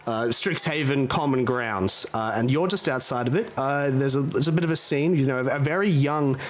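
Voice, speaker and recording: A man's voice: medium pitch, normal speed. A man narrating as dungeon master in a loose, filler-heavy way. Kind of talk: narrating a tabletop game.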